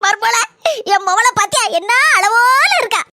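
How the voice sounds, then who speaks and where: A woman voicing a shrill fretful village mother-in-law. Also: moderate pace, sharp tone, dry recording, full character voice. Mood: doting. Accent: Kanyakumari Tamil. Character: fussy village mother-in-law, doting on her daughter. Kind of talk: cartoon voice acting.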